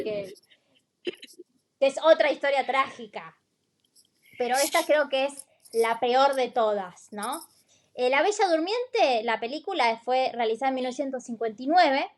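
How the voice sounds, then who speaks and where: A woman with a high voice recounts old tales in a casual podcast chat. She pauses often with fillers and checks in with short questions. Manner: conversational storytelling, with frequent fillers and tag questions. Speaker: podcast co-host.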